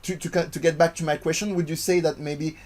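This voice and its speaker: A man from France, speaking in his second language, hosts a casual chat over a video call. He halts often and searches for his words, filling the gaps with drawn-out hesitations. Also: fairly high pitch, fairly even intonation, a little mellow. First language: French. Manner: halting, searching for words, many fillers. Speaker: podcast host.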